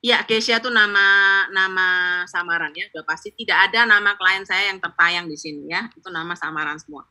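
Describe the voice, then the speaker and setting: A middle-aged woman training insurance agents over a video call, talking fast and chatty, with playful acted-out examples. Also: on the low side, bright, forceful tone. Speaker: insurance agent teaching sales technique. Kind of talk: live online training session.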